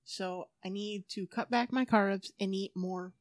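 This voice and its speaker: A woman's voice: mid-range voice, steady tone, measured pace, dry recording. Casting: woman, plain mid voice, dry close sound, matter-of-fact podcast chatter. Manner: matter-of-fact, correcting others. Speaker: podcast co-host. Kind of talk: casual chat.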